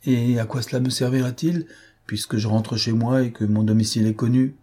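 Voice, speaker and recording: A man voicing a calm, self-assured gentleman detective who reasons firmly. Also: mid-range voice, a little fast, natural voice. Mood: wry.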